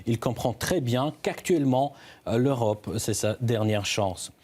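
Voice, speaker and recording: A man with a mid-range, darkish voice works as a correspondent delivering live news analysis. His speech is halting and unsure, and he keeps restarting words.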